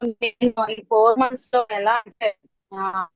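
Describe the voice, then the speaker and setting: A young woman speaking haltingly on a video call, her voice breaking up and cutting out over a bad connection. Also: a little high, flat delivery, dry recording. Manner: halting, with many filler sounds. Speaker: participant sharing her health testimonial. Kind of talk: personal testimonial on a video call. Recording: muffled dry video-call audio.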